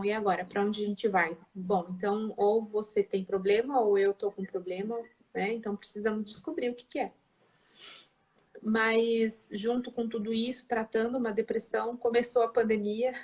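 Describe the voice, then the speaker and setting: A woman's voice: fairly high pitch, darkish tone, breathy edge, rough recording. A woman in her thirties, a guest telling her personal story in a candid, rambling way, full of fillers and self-corrections. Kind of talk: personal testimony in a conversation.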